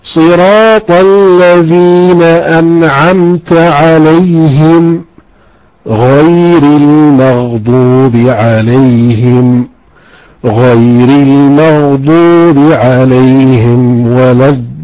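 A man student reciting Quran verses in a slow, measured chant. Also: a little high, fairly even intonation, highs cut off.

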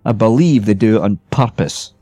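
A man's voice: lowish voice, moderate pace, warm tone, dry recording, soft background music, natural voice. A man reading a story aloud, voicing a weary, grumbling male ghost who is sociable but bitter. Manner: grumbling complaints, then friendly.

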